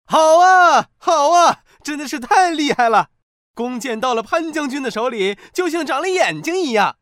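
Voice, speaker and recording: A woman doing a shrill cheering soldier. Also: expressive, normal speed, no echo, studio quality. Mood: thrilled. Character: thrilled cheering soldier in the crowd. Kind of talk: children's storybook voice acting.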